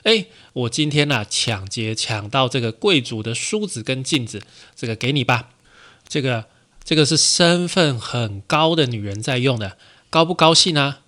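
A man playing a rough, hot-tempered male bandit in a storytelling podcast. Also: medium pitch, expressive, normal speed, pushed and bright. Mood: boastful.

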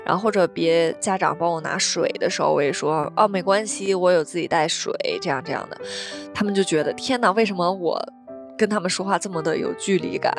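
A woman's voice: lowish voice, a little fast, over music. A young woman from Beijing hosting a solo podcast, telling stories in a chatty way and acting out the voices she quotes. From Beijing, China. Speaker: podcast host.

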